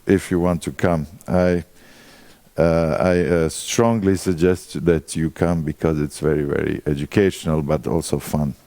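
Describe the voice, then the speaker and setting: A man in his forties with a Croatian accent gives a conference presentation. His voice is deep and mellow, recorded close and dry. He talks through his material and puts quick questions to the listeners. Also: dry recording. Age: 40s. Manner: engages the audience with quick questions. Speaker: conference speaker.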